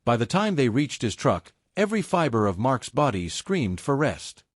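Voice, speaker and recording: Male storyteller, lively intonation, dramatic scripted read, dry close sound. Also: mid-range voice, normal speed, no echo. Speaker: narrator.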